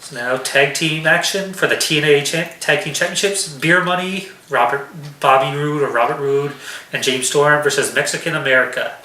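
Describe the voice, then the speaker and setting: A man's voice: fairly high pitch, steady tone, moderate pace, sharp tone. A man co-hosting a casual wrestling prediction chat, announcing each match and giving his picks. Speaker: podcast co-host. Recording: echoey room.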